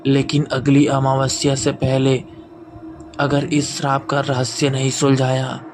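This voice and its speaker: A man voicing a skinless old ghost ticket collector who speaks with slow, dragged menace in a horror storybook. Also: mid-range voice, completely flat delivery, close to an everyday voice. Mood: menacing. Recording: music underneath.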